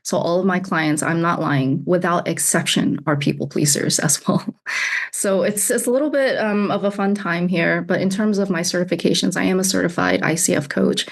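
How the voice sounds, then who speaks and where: An executive coach from Alabama in the United States answers interview questions candidly and chattily, laughing often and repeating words. Her voice is lowish and steady with vocal fry, at a moderate pace.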